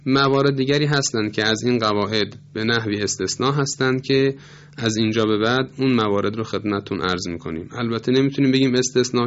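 A man teaching Quran recitation rules in a formal lecture, explaining in a measured, polite way and slowing down to demonstrate words. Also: lowish voice, highs cut off, a little hiss or hum.

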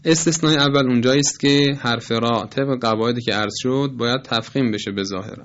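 A man teaching Quran recitation rules in a formal lecture, explaining in a measured, polite way and slowing down to demonstrate words. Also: mid-range voice, a bit bright, highs cut off.

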